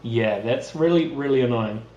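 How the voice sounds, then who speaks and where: A man's voice: mid-range voice, normal speed, highs cut off, slight background noise. A young man with a New Zealand accent, chatting casually and laughing easily as he reads out viewer comments for his vlog. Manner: chatty and relaxed, laughs easily, frequent fillers. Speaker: YouTuber reading viewer comments. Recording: roomy room sound with faint music. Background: faint background music.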